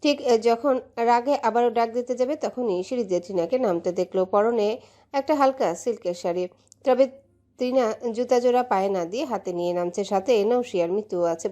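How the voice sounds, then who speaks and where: A woman narrating a romantic audio story in an emotive, steady way. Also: medium pitch.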